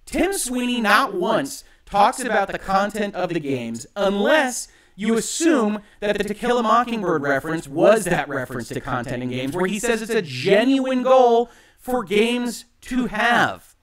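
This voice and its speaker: A man hosting an online show, giving emphatic, argumentative opinion commentary in deliberate phrases, with echo on his livestream audio. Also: high-pitched, animated, crowd noise.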